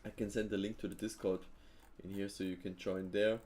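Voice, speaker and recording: A man with a fairly low voice runs a live trading stream, keeping things loose and chatty. He thinks out loud as he answers viewers, scattering fillers and laughing quickly and easily.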